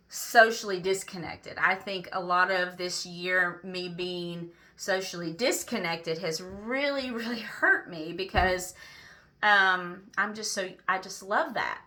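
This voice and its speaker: A middle-aged woman, tearful and halting, speaking unscripted to friends in a personal video. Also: medium pitch, sharp tone. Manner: emotional, halting, many restarts and fillers. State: tearful, close to crying. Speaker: vlogger.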